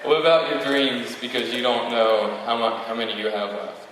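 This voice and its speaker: Young man, student valedictorian, prepared podium speech, flat intonation, heavy hall echo, occasional stumbles. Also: medium pitch, normal speed. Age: young adult, about eighteen. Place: large reverberant room, speaking to an audience. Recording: very echoey hall, distant mic, faint noise.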